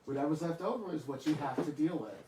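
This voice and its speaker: A man's voice: a little high, animated, fast. A man co-hosting a podcast, speaking bluntly and often chiming in to agree during a casual discussion. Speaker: podcast co-host. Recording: echoey room, far from mic, faint noise.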